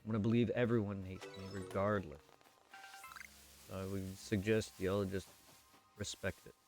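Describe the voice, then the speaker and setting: A deep-voiced man, normally very quiet, talks to his livestream chat at a moderate pace with fairly even intonation over soft background music. His unscripted remarks are blunt and repetitive, with occasional swearing.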